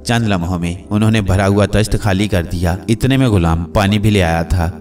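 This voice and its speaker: A man narrating a comic magical story in a lively storytelling manner. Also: low-pitched, moderate pace. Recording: distant mic with faint music.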